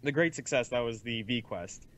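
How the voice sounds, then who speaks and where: A man's voice: medium pitch, expressive, moderate pace, a bit bright. A man co-hosting a casual podcast chat, talking in an easygoing, loose way. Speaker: podcast co-host. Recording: dull lo-fi microphone.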